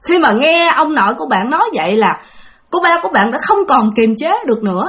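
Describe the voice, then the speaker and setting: A woman's voice: high voice, lively intonation, quick pace, fairly bright tone. A woman with a Southern Vietnamese accent narrating a spooky story in a chatty way, often talking straight to her listeners. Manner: chatty, addressing listeners directly. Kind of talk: spoken ghost-story narration.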